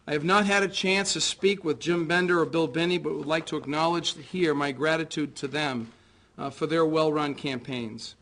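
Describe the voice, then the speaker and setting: An American man who is a political candidate delivers a prepared concession speech in a formal, measured, earnest way. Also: fairly high pitch, fairly bright tone.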